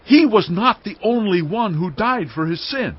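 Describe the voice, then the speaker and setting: A stern male priest delivers a rebuke in a scripture drama. The voice is pitched high, forceful and accusing, with formal oratory. The sound is a little muffled. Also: expressive, normal speed, slightly rough. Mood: stern reproach. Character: stern priestly envoy rebuking rebellious tribesmen.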